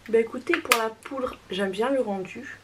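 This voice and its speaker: A woman's voice: fairly high pitch, normal speed, over music, rough recording. A young woman chatting casually as she tests makeup and reviews it, hesitant and reassuring. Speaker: beauty vlogger.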